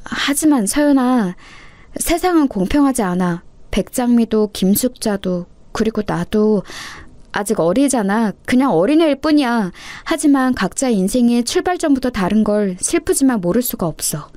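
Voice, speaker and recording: A woman's voice: fairly high pitch, animated, moderate pace, no room sound, natural voice. A woman voicing an earnest orphan girl who firmly comforts and lectures her little sister. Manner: firm, gently scolding.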